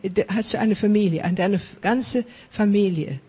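Husky high-voiced man praying fervently. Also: moderate pace, darkish tone. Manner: fervent, repetitive chanting of blessings; drops into whispers at times. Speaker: preacher. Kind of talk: charismatic prayer ministry.

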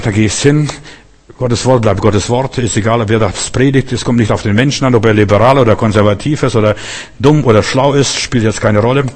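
A man preaching a sermon in an earnest, lively way, with sudden loud emphases, soft drops and excited stammers. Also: fairly low pitch. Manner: stammers and restarts when excited. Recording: long hall reverb.

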